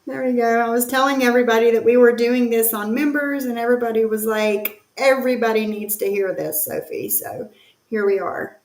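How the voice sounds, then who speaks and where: A woman's voice: fairly high pitch, fairly quick, darkish tone. A woman casually hosting a live chat from her bathroom, her voice ringing with a cave-like echo and repeating little words like "yes, yes.". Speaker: host of an online audio chat room. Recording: echoey bathroom, far from the mic, faint noise. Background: generator hum.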